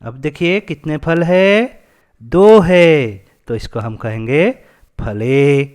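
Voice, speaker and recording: Male teacher, slightly high voice, lively up-and-down pitch; patient question-and-answer classroom delivery. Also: smooth. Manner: slow, patient, asks questions then answers them. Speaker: Sanskrit teacher. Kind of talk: classroom lesson for children.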